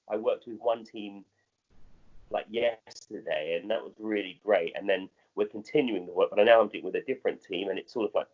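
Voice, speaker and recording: A middle-aged man with a modern British accent, working as a theatre director, answers an interviewer in a conversational, halting manner, often going back to repeat and rephrase. His voice sits on the low side, and the recording is muffled.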